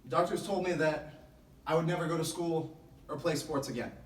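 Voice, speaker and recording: A man's voice: a little high, fairly even intonation, normal speed. Echoey, distant man giving a motivational team speech. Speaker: motivational speaker. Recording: echoey room, distant microphone.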